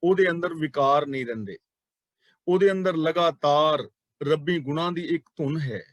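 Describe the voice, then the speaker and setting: A man teaching a religious class, explaining sacred terms slowly and speaking directly to his listeners, often repeating key words. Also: a little high, no echo. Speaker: Sikh scripture teacher.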